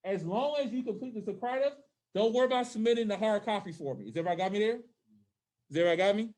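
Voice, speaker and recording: High-pitched man teaching through a face mask. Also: animated, racing, a little mellow. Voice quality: speaking through a face mask, slightly muffled. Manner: informal, frequently checks that listeners follow. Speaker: high school social studies teacher. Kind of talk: classroom teaching to in-person and online students. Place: classroom.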